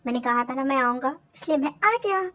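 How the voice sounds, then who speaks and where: Woman voicing a tender young man, doting, soothing, high-pitched, fan story. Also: lively intonation, fairly quick. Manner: soft doting reassurance.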